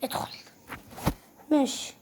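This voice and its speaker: A woman with an Egyptian Arabic accent commenting on a game she is playing, excitable and teasing, jumping between loud cries and quick mutters. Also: noisy background. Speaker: gaming YouTuber.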